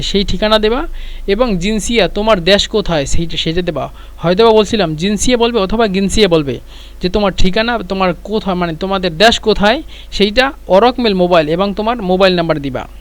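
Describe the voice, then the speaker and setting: A man teaching Arabic vocabulary, repeating each phrase slowly and spelling out its letters. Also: high-pitched. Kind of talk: explaining vocabulary lesson.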